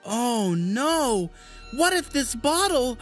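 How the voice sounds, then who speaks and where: A worried young prince in a storybook, voiced by a woman. He speaks quietly and slowly, with an anxious lift and fall. Faint music plays underneath. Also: fairly high pitch, very animated, heavily acted. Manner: soft, anxious.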